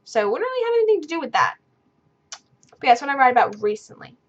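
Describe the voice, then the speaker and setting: This is a young woman in her bedroom, chatting unscripted to camera as she responds to viewer questions; she stutters, restarts and keeps getting sidetracked. She speaks fast in a high, very animated voice. The recording is muffled.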